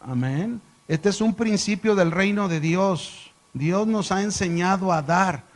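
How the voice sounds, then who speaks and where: A man's voice: high voice, measured pace. A middle-aged man, a pastor teaching a sermon and telling stories with questions to the congregation.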